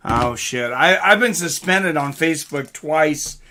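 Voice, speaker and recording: A middle-aged man hosts a live stream, chatting casually with viewers, reading out and answering their comments, and rambling through commentary on fights. His voice sits on the high side, bright and forceful, with lively intonation and an unhurried pace. A little hiss or hum runs underneath.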